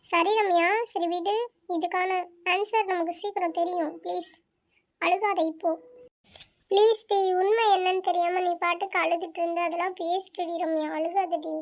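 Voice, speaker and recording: A woman's voice: very high-pitched, steady tone, moderate pace. A woman voicing a caring young woman who comforts a crying friend in a cartoon story, coaxing and soothing. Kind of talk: cartoon voice acting.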